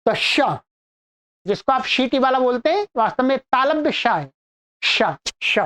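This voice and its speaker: A woman teaching an online pronunciation lesson, saying each sound slowly and repeating it many times for learners to copy. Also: high-pitched, lively intonation, fairly bright tone, clean tone. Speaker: Sanskrit teacher.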